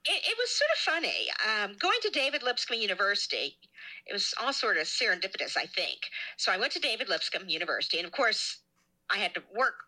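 A woman's voice: mid-range voice, big pitch swings, fast, bright, forceful tone, rough recording. A middle-aged woman, a guest scholar in an interview, telling stories in a chatty, self-deprecating way. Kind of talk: casual interview chat.

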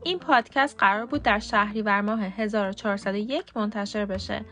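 A woman who speaks Persian as her first language hosts a podcast lesson, explaining calmly and clearly and saying model words slowly. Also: mid-range voice, faint music behind. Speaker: podcast host teaching English pronunciation.

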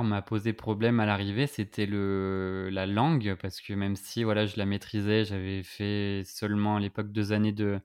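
In a casual podcast conversation, a young man from France talks about his student exchange, hesitating often with fillers and restarts. His voice is smooth and on the low side.

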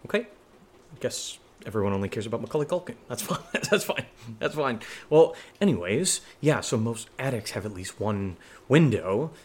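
This mid-range male voice belongs to an actor portraying a jittery young man in a horror audio drama, telling an eerie tale full of stammers, hesitations and fillers. He sounds very animated and natural, at a normal speed.

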